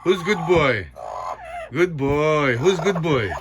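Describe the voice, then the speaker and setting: Man coaxing pet birds over loud noise. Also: a little high, animated, slow. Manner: repetitive pet-talk in short phrases. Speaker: pet bird owner. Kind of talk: playful coaxing talk to pet parrots.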